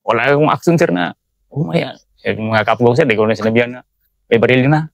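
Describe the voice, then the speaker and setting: A Filipino man with a mid-pitched voice tells a field story as a guest in a casual interview. He acts out each exchange with lively bursts and says "sir" nearly every line. The sound is close and dry. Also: racing, no room sound. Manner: peppers speech with "sir", acts out dialogue animatedly. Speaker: Special Forces sergeant, guest.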